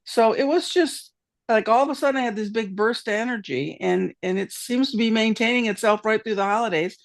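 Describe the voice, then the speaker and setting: A woman in her seventies telling a story in lively, chatty style, speaking over a video call. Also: fairly high pitch, fairly quick. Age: 70s. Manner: animated, chatty. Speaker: guest on the show. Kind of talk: casual storytelling. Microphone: video call, camera off.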